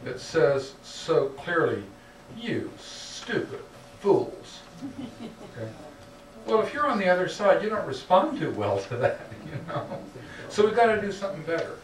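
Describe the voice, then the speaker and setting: A man's voice: sits high, big pitch swings, moderate pace, few pauses. A man speaking earnestly as a lecturer answering audience questions, often checking in with "okay?". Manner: earnest, repeatedly asks "okay?". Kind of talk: public talk Q&A. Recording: roomy hall sound picked up from a distance, faint noise.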